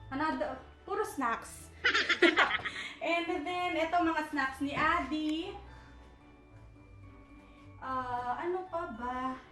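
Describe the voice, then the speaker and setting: A woman's voice: high voice, drawn-out words, pauses often, far from the mic. A young woman vlogger casually touring her apartment at night, rambling and searching for words as she mixes in English. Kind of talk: casual home tour vlog. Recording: echoey room, voice from off-mic, faint music.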